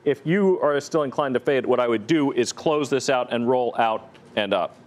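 A man lays out options strategies in a measured, explanatory manner. He speaks at a middling pitch in a plain voice. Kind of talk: market commentary.

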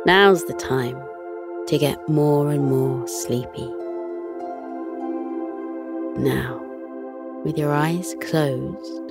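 A woman gently narrating a children's bedtime meditation and story in a soothing, coaxing, unhurried way. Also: lowish voice.

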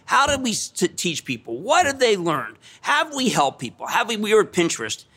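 A middle-aged man telling stories as an interview guest, excitable and emphatic, repeating phrases for effect. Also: high-pitched, fairly quick. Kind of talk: animated storytelling in conversation.

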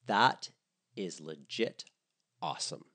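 A man's voice: low voice, lively intonation, takes it slowly, pushed and bright, heavily acted. A man voicing a bubbly young woman tourist who gushes in a sing-song way.

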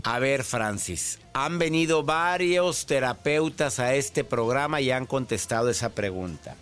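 A man hosting a call-in advice radio show, lively and chatty with joking asides. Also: medium pitch, a little slow, smooth. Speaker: radio show host, psychologist.

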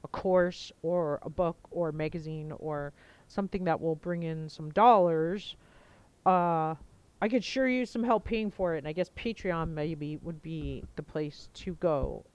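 A woman with a clear, smooth voice and a slightly low pitch for casual talk hosts her podcast. She speaks informally, thinking aloud and wandering from point to point. The sound is low quality, picked up through a headphone mic. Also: unhurried, darkish tone, no echo, lo-fi sound. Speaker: podcast host. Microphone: headset, talking into headphones.

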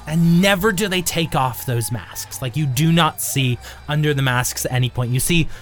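Higher-voiced man narrating as game master. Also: normal speed, a bit bright. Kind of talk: improvised tabletop game narration. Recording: faint music behind.

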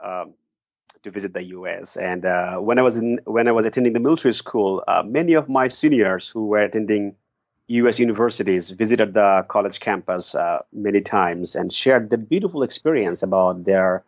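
As a guest in an interview, a middle-aged nonprofit founder from Bangladesh speaks earnestly about his story in a lowish voice at a moderate pace. No echo is present, and the lo-fi sound comes through dry and a bit muffled.

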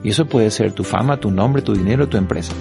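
A pastor from Paraguay telling stories and preaching earnestly, repeating words for emphasis. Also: male voice, lowish voice, quick pace, vocal fry, music in the background. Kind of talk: preaching-style storytelling in a panel talk.

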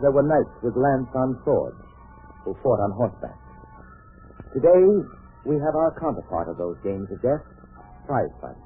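An actor playing an urbane, composed gentleman detective in an old radio drama, speaking in a measured, polished, theatrical way. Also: mid-range voice, natural voice. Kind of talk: old-time radio drama narration and dialogue. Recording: muffled vintage radio recording, music behind.

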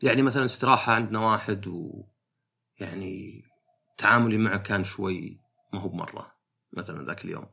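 A man's voice: mid-range voice, vocal fry, fairly bright tone, husky. A man, a podcast host talking through his ideas in a casual, reflective monologue, thinking aloud with many fillers.

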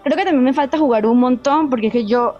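A woman's voice: sits high, fast talker, muffled recording, faint music behind. A woman giving frank opinions in a casual video game review chat, often hesitating and trailing off. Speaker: guest gamer and psychologist on a game panel.

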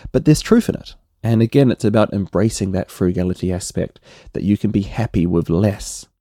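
A middle-aged man with a New Zealand accent, hosting a relaxed solo podcast and often tagging his points with "right?". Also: on the low side, dry recording, studio quality. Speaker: podcast host.

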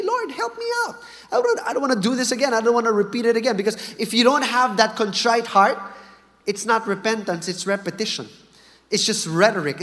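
A man with a high voice gives a playful sermon, teasing his listeners and pushing them to reply. His words ring out with a long reverb, as if recorded in a large hall. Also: a bit bright. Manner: joking, asks the crowd to answer. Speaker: preacher. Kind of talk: sermon to a live audience.

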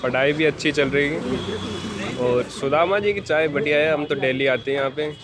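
A man's voice: a little high, normal speed. A young man, a college student, answering a street interview briefly and plainly, outdoors on a city street. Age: young adult. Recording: street noise, off mic.

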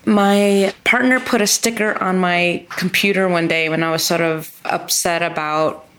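The guest, a woman state legislator, talks a little slowly with a fairly low, fairly bright voice and fairly even intonation, over a little hiss or hum. Her interview answers are earnest and emphatic, built from strings of repeated phrases.

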